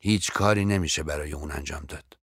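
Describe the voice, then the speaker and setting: A man's voice: a bass voice, a bit bright, husky, no room sound, studio quality, pitched below the performer's own voice, heavily acted. A man voicing a melodramatic, self-pitying older woman who is a famous actress, stretching out her sighing lines theatrically. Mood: melodramatic sorrow.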